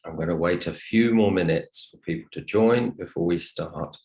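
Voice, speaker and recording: In an online video call lesson, a male English teacher speaks to his students with polite encouragement and frequent thanks. He has a low, slightly mellow voice at normal speed.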